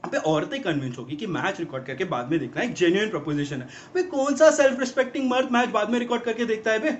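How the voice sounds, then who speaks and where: An actor playing an exasperated young man in a rapid-fire, mocking film comedy monologue about girlfriends. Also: high voice, very animated, a little hiss or hum. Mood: ranting. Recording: dull lo-fi film audio.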